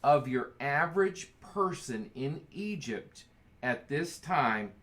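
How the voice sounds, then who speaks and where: Male Bible study leader, bright tone, enthusiastic and playful. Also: fairly high pitch, expressive, takes it slowly. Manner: enthusiastic, reads scripture aloud, jokes. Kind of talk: casual Bible study teaching.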